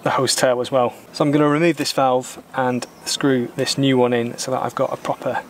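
Outdoors in a garden workshop, a British sailor in his thirties calmly explains, step by step, how he's repairing a boat part as he works. His mid-range voice goes a little fast, with slight background noise. He comes across as methodical, plain-spoken and mildly opinionated.

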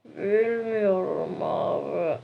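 A young man voicing a sleepy male game brawler who drawls every word very slowly, his voice muffled and swallowed. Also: mid-range voice, very animated, creaky, a little hiss or hum, pitched below the performer's own voice, full character voice. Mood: drowsy.

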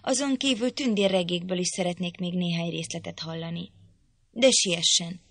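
A woman's voice: fairly low pitch, fairly bright tone, dry recording. A woman reading an audiobook, voicing a spoiled, imperious young girl who talks down to others. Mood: bossy. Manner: imperious, petulant.

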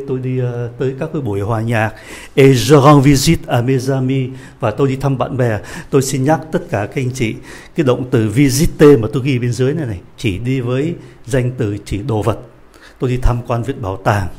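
Mellow-voiced man teaching French. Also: mid-range voice. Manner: patient, repeats and slows down French phrases. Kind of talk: language lesson explaining a dialogue.

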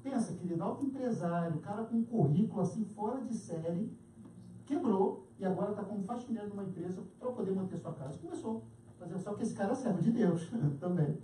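A Brazilian woman preaching a lively sermon, calling listeners dear and acting out little scenes. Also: mid-range voice, a little fast, a little hiss or hum. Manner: animated, addresses listeners as "querido", acts out scenes. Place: church hall. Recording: roomy hall from far off.

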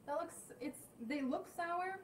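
A woman's voice: extremely high pitch, measured pace, distant mic, a little hiss or hum. A young woman reviewing snacks for her vlog, chatty and candid as she tastes each one. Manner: chatty, candid reactions while tasting. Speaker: snack tasting vlogger. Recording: roomy echo, voice off-mic.

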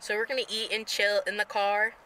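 A young woman rambling excitedly in a casual vlog, talking to her handheld camera. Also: mid-range voice, brisk, slight background noise, rough recording. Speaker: vlogger. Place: bedroom, then a parked car.

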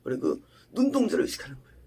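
A male pastor giving an emphatic sermon, asking rhetorical questions and swinging between loud and hushed delivery. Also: fairly high pitch, sing-song, rapid-fire, creaky, slightly rough.

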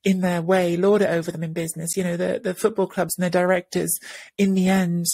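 A woman in her thirties co-hosts a casual podcast by video call from an indoor home room lined with bookshelves, using an earphone headset. She talks thoughtfully with many restarts and fillers, her low-ish voice flat, a little fast, mellow and slightly rough with vocal fry, with no room sound.

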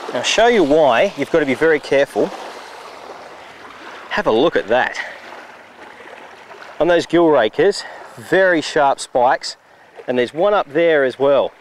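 A middle-aged Australian man hosting a fishing show, explaining technique on a riverbank and getting excited when fish bite. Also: on the high side, a little slow, long pauses, slight background noise. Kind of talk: on-location fishing demonstration. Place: outdoors on a river beach.

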